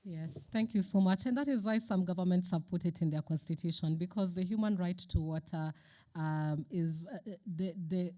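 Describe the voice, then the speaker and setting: A woman moderating a conference panel, measured and sometimes searching for words. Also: on the low side, mellow.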